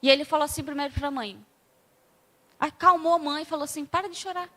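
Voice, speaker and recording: A woman with a Brazilian accent preaching a sermon in a conversational way, acting out scenes with lively energy. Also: high-pitched, a little fast, in a large hall. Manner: conversational, acts out scenes animatedly.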